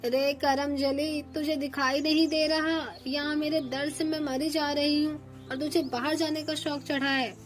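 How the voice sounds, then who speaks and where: A woman's voice: sits high, level tone, measured pace, few pauses. Scheming old cartoon crow mother-in-law, woman voicing, theatrical wailer and scold, faint music under. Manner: dramatic wailing and scolding.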